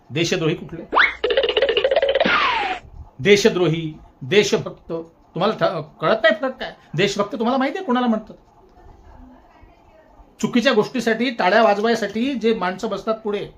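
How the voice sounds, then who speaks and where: Brief: male satirical commentator, high-pitched, sarcastic and scolding, laughs through his own jabs. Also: fairly bright tone. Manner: sarcastic mock-scolding, repeats jeering taunts; chuckles while speaking.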